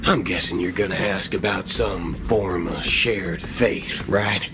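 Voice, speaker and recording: An actor playing a brash but principled space cowboy ranger in a video game, with a folksy, theatrical drawl. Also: male voice, deep voice, slow. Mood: firm, proud. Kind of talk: video game cutscene acting. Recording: music under the dialogue. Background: background music.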